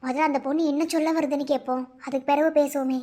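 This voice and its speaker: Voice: sits high, flat delivery, quick pace, warm tone, lightly acted. A voice actor playing a proud village elder in a cartoon, speaking emphatically with wounded pride in a Madurai Tamil accent. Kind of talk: cartoon voice acting.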